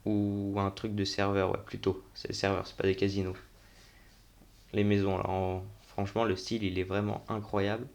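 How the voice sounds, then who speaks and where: A man's voice: lowish voice, completely flat delivery, moderate pace, gravelly, a little mellow. A young man giving casual, unscripted commentary on a game tour, thinking aloud in informal, slangy language. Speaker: gaming video host.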